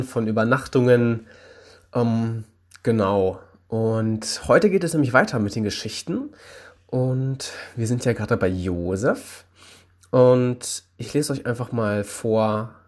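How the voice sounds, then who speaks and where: A young man working with children reads a Bible story aloud in a friendly, calm storytelling voice. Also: medium pitch. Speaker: youth worker reading Bible stories.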